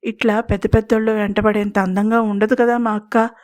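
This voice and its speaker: A woman voicing a naive, soft-hearted young male henchman who speaks in a Godavari district dialect in a hushed, pleading way. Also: medium pitch, flat delivery, fairly quick, close to an everyday voice. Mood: hushed, worried.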